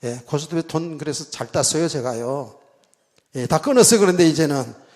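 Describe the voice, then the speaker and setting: A middle-aged man preaching in a church, his voice high-pitched and swinging widely up and down. He tells stories in an animated way and mimics a shouting preacher, while a long reverb hangs in the sanctuary. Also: normal speed. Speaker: pastor. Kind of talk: sermon.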